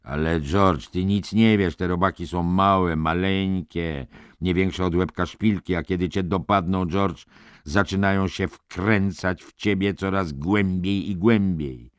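A man voicing a menacing male hospital orderly who taunts with mock gentleness, in an audiobook reading. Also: low-pitched, fairly even intonation, a little slow, smooth, no echo, studio quality, pitched above the performer's own voice.

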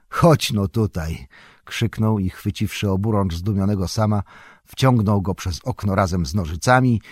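A man reading an audiobook in scripted narration, calm and even. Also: low voice, slightly rough, no echo, studio quality.

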